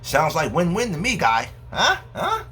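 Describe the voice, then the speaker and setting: A man's voice: a little high, wildly swooping pitch, bright, forceful tone, voice pushed up, heavily acted. A man putting on a smug taunting preppy guy. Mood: mocking. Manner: mocking, drawn-out taunts.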